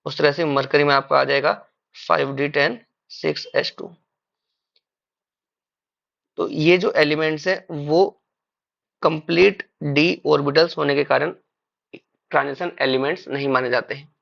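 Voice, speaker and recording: A man's voice: fairly high pitch, fairly even intonation, unhurried, gravelly, long pauses, a bit bright, dull audio. A man teaching chemistry in a classroom-style lecture. He calls his students "beta", poses questions and answers them himself, and mixes English terms into Hindi.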